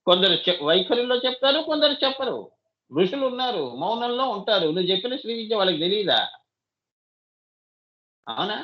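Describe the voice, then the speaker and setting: A man's voice: high voice, animated, fairly quick, pauses often, highs cut off. A man giving a devotional discourse as a spiritual teacher, often asking his listeners rhetorical questions and calling them child.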